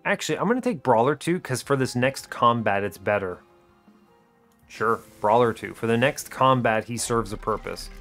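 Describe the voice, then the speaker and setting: Animated and fairly bright, his mid-range voice moves at a normal speed over soft background music. The man hosts an educational gaming series, chatting casually as he thinks aloud, with a breezy, wry tendency to understate.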